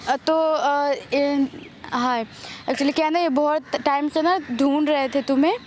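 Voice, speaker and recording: A woman's voice: sits high, fairly even intonation, a little slow. A young woman hosting a prank vlog out in public, chatting to the camera and bossing passers-by in a bubbly, teasing way. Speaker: vlogger and prankster. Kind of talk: casual prank vlog talk. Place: outdoors in a public street with traffic. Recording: traffic noise behind.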